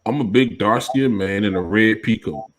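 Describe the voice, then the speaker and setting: Emphatic man, slightly low voice. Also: normal speed, low-quality recording. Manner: emphatic, repeats "you know what I mean". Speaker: podcast co-host. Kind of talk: casual discussion.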